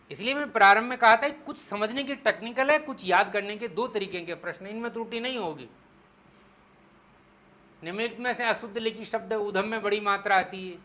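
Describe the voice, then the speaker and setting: A man teaching Hindi spelling in an exam-prep lecture, explaining step by step and slowing down to spell out syllables. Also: sits high, pushed and bright. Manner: explains step by step, asks the class "clear?".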